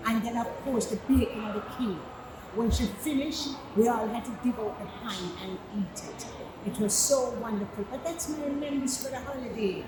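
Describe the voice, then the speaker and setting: A woman's voice: on the high side, normal speed, distant mic. A woman from Jamaica sharing a cheerful, nostalgic holiday memory. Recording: echoey room with noise.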